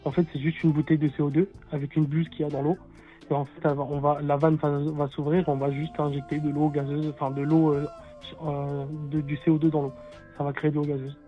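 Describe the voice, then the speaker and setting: A man with a fairly high voice explains casually as a caller. He is halting and repeats himself, on dull lo-fi audio with faint music behind. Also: flat delivery. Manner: halting, repetitive, informal. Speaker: caller, water technician.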